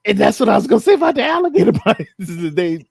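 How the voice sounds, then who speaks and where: A man's voice: high voice, big pitch swings, fast talker, gravelly, darkish tone, slightly rough, no room sound. A man telling laid-back stories in casual chat, using slang. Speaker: podcast panelist.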